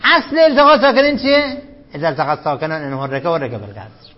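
A man's voice: fairly high pitch, lively intonation. A man teaching a grammar class, who keeps questioning his students and repeats the rules with emphasis. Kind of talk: classroom lecture on Arabic grammar. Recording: dull lo-fi classroom recording.

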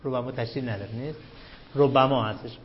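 A man teaching an Arabic grammar lesson, asking his students questions and answering them himself, and reciting the analysis of sentences in a slow, chanting cadence. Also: medium pitch, steady tone. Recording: dull lo-fi recording.

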